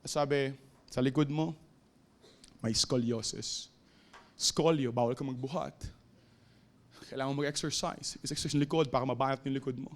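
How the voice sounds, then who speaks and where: A man with a Filipino accent preaching a sermon in a church, swinging between shouted exhortation and low, quiet storytelling. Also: fairly even intonation, moderate pace, pauses often. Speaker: pastor. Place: church sanctuary.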